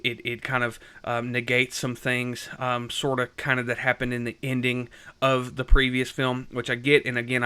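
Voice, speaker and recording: Young male reviewer, bright voice, loose chatty delivery with many ums and restarts. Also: medium pitch. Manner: rambling, lots of fillers and restarts. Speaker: film reviewer. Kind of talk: casual unscripted review.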